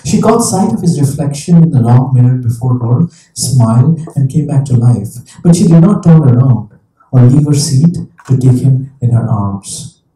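Dark-voiced man, distant and roomy. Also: mid-range voice, lively intonation. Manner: reflective, with pauses and restarts. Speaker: author and guest speaker. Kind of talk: onstage conversation and reading aloud. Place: talk venue before an audience. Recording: roomy sound from a distant mic.

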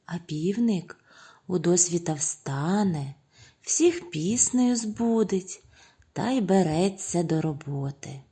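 Slow lilting woman telling a fairy tale. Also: lowish voice, lively intonation, mellow, husky. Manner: slow, lilting, sometimes whispered. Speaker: storyteller. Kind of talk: children's bedtime tale narration.

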